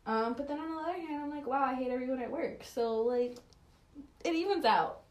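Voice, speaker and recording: A woman with a very high voice chats bluntly, telling lively stories. She sits away from the mic in an echoey room. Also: a little fast, distant mic. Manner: blunt, animated storytelling. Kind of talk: casual chat.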